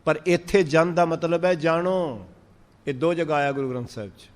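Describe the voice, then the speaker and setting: A man with a Punjabi accent giving a sermon, drawing out verses slowly and then explaining them in lively speech. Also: a little high, in a large hall. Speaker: Sikh preacher. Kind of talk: sermon on scripture.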